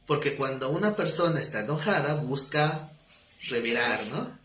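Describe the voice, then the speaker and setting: Bright-voiced man teaching a Bible class. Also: medium pitch, expressive, normal speed, roomy sound. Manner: conversational, tells stories with acted dialogue, asks the class questions. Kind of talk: Bible study class with anecdotes.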